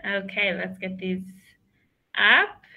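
A woman's voice: mid-range voice, slow, gravelly, phone-quality sound. A woman hosting a live webinar, friendly and full of fillers as she reads out viewer comments. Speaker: webinar host.

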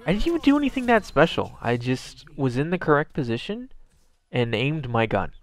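A man's voice: fairly high pitch, very animated, a little fast. A man giving wry, sarcastic running commentary on his own gameplay, swearing freely.

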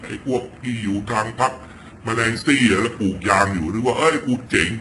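A man's voice: fairly low pitch, steady tone, fairly quick, background noise. A man from Thailand ranting through a political commentary clip, blunt and crude, swearing often as he talks. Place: home in Virginia.

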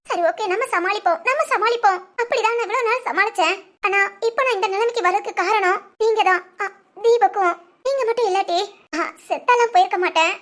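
A woman voicing a young woman hurt by her parents, who talks fast, earnestly and with strong feeling. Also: very high-pitched, a bit bright. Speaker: storyteller. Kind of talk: acted short story.

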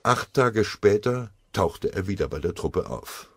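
Deep, husky male audiobook narrator. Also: expressive, dry recording. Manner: grave, measured. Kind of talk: scripted war story narration.

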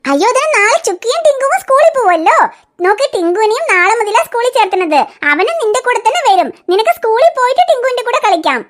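A woman voicing a gentle aunt in a cartoon who patiently coaxes a child. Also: very high-pitched, very animated, fast. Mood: coaxing. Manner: soothing, persuasive coaxing. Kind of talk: cartoon voice acting.

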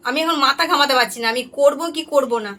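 Hoarse chatty woman home vlogger. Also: high voice, fast talker, pushed and bright. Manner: chatty, rambling, talks to viewers as friends. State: hoarse from a cold. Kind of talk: casual home vlog chat to viewers.

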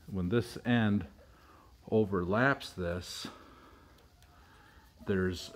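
Speaking in a deep voice over a slight hiss or hum, a middle-aged man hosts a homestead video from a pole barn workshop. He casually and plainly explains his steel siding installation one step at a time, with small restarts.

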